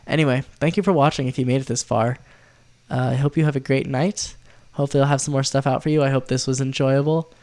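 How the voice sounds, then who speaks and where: A man with a nasal, stuffed-up voice from being sick, chatting casually through a tier list in a rambling, excitable way. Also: mid-range voice, quick pace. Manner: rambling, filler-heavy, easily excited. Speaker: video host.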